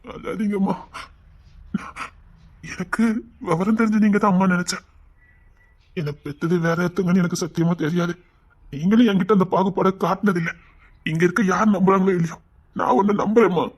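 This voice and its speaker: Anguished young son, tearful and guilt-ridden, high voice for a man. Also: steady tone, brisk, long pauses, slightly rough. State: crying. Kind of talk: TV serial acting.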